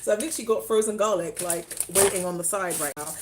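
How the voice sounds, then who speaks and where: A young woman, a spiritual vlogger, chats casually and fast on a live stream in a mid-range voice, rambling and answering viewer comments as they arrive. Background noise is present.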